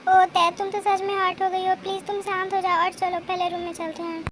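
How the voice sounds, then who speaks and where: A woman voicing a caring older-sister figure who soothes and advises gently in a fan audio drama. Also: extremely high pitch, flat delivery, fairly quick, slight background noise. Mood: soothing. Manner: soothing, coaxing.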